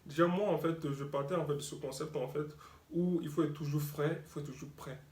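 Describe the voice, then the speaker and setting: A man's voice: on the high side, fairly even intonation, brisk, darkish tone. A young man from Mali, raised in Burkina Faso, talking casually as a guest about the clothing brand he designed, with many fillers and restarts. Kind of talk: casual interview. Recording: echoey room, faint ambience.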